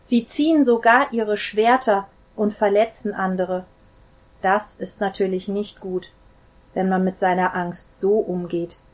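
A woman reading a children's Bible story aloud in a slow, expressive way. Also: mid-range voice.

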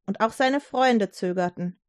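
A woman narrating a Bible story for children, lively, with chatty asides to the listener. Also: mid-range voice, a little slow, no room sound, studio quality.

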